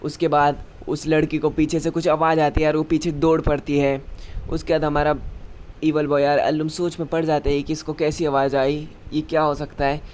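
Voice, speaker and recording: A man's voice: a little high, level tone, normal speed, darkish tone. A man narrating a story recap in a casual, chatty, conversational way.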